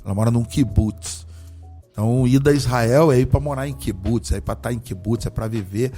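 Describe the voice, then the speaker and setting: Fervent pastor man, dark voice. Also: medium pitch, normal speed, faint music behind. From Brazil. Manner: fervent, emphatic, often asks rhetorical questions. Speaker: apostle, pastor guest. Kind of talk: religious conversation with preaching.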